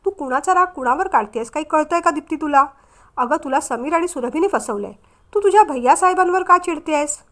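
A woman's voice: high voice, animated, brisk, a bit bright. A woman voicing a scheming young woman who talks in a coaxing, persuasive way. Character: scheming young sister-in-law, soothing outside.

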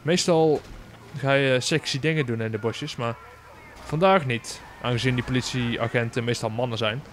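A young man with a Dutch accent giving casual gameplay commentary, excitable and swearing often, bursting into shrieks. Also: medium pitch, moderate pace, a little hiss or hum. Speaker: gaming YouTuber.

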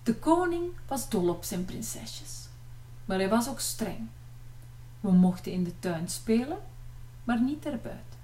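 A middle-aged Flemish woman reads a storybook aloud in an unhurried, lilting way, her voice sitting a little high. She sounds set back from the mic in an echoey room. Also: far from the mic. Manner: playful, lively storytelling, voices for the sisters. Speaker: children's book author reading aloud.

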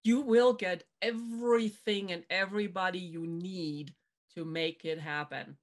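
A middle-aged podcast host from Germany speaks unhurriedly in a steady, lowish voice during a motivational video-call interview. Her webcam captures her in a home room with a dark backdrop as she emphatically repeats her key advice.

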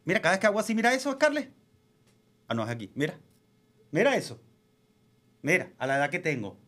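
Venezuelan male co-host, jokey and exaggerating, very lively pitch. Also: fast. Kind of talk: playful couples advice chat.

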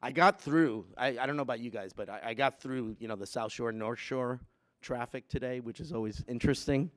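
In a wood-panelled school chapel, students seated behind him, a fifty-something man from Puerto Rico talks personally to them over a gooseneck lectern mic. His mid-range voice is a bit bright and fairly quick, loose and full of fillers, growing emphatic as he continues.

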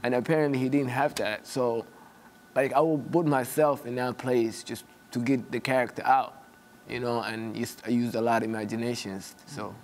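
Soft, hesitant young man from Somalia. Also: mid-range voice, fairly even intonation, moderate pace. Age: young adult. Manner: hesitant, soft-spoken, many "you know" fillers. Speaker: actor guest. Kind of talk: studio interview. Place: TV studio set, indoors.

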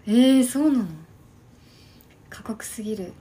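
Woman in her early 20s, casual live-stream chat, soft half-whispered delivery, mellow tone, streaming from home. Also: on the high side, unhurried, slightly rough. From Shimane, Japan. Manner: soft, quiet, often half-whispered talk. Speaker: livestream host. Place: at home by an open window.

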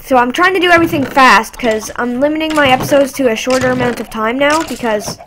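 A woman with a fairly high voice commentates her own gameplay in a loose, chatty way. She talks to the game, apologizes to it, and jumps to sudden squeals of surprise. A clear background noise runs under her voice. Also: quick pace. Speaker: gaming channel host.

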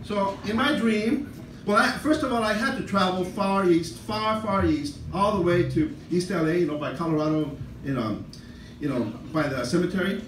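Older mexican-american guy doing standup, kinda high voice, boomy club sound, mic sounds far off, faint room hum. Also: normal speed. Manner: rambling, self-deprecating storytelling with frequent "right?" asides. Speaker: stand-up comedian. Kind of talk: stand-up comedy set. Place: comedy club stage. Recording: roomy club sound from a distant camera. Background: audience laughter.

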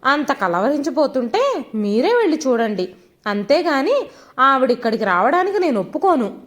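A woman voicing a quarrelsome middle-aged wife who nags loudly and sarcastically in a storybook reading. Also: sits high, very animated, normal speed. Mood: scolding. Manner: nagging, sarcastic, loud.

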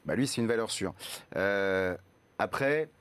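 Low-voiced man presenting series ratings. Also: lively intonation, a little slow, clean tone. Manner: explanatory, many fillers. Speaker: guest series columnist. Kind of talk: casual studio chat.

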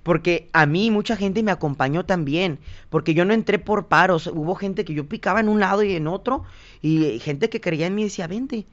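A young man's voice, sitting high and moving a little fast, carries a Mexican Spanish accent. Guesting on a podcast, this singer and TV reporter tells animated stories in a casual interview and acts out others' lines through lively quoted asides. The sound is dull and lo-fi.

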